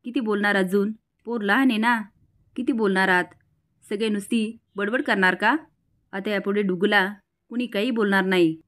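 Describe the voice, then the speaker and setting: A woman's voice: mid-range voice, normal speed, lightly acted. A woman voicing a stern protective family elder.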